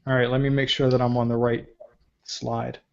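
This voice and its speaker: A man's voice: mid-range voice, little pitch movement, normal speed, vocal fry, dull audio. Man in his 30s, webinar presenter, casual and earnest, tells rambling stories with many ums. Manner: rambling, earnest, filler-heavy storytelling. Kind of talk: casual online training talk.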